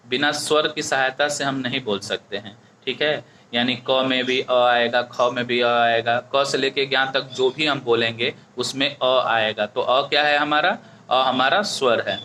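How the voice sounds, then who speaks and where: A man's voice: mid-range voice, bright, forceful tone, slight background noise. A man teaching a grammar lesson for exam prep, explaining step by step and often checking with the class. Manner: explains step by step, keeps asking "ठीक है?".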